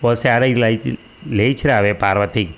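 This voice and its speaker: A man's voice: medium pitch, steady tone, slow pace, vocal fry. A man voicing a talkative, fussing middle-aged village mother in a storybook reading. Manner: chatty, fussing.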